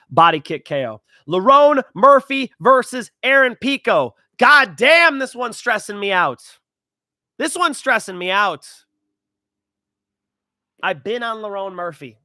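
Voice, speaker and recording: A young man hosting a fight predictions show, talking in a rambling, excitable way and swearing freely. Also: high voice, dry recording, clean studio sound. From California. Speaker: host.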